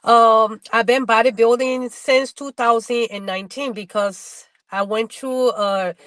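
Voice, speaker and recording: A middle-aged woman from Liberia talks casually as a webinar guest, her voice sitting a touch high. She stumbles and restarts often as she gathers her thoughts. The sound is dry and close. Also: fairly even intonation, fairly bright tone, no room sound. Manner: halting, repeats words and restarts often. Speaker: guest bodybuilder.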